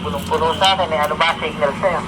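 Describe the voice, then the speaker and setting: A man's voice: fairly high pitch, fairly even intonation, quick pace. A man chatting as an amateur radio operator, heard through a two-way radio speaker, handing over each turn with a friendly go-ahead. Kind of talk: casual two-way radio chat. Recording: noisy radio transmission.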